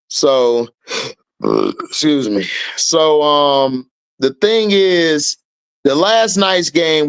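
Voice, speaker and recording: On his sports and commentary stream, a blunt man in his thirties rants slowly in a voice on the high side. He swears freely and turns loud when riled, offering casual, opinionated commentary while reacting to chat.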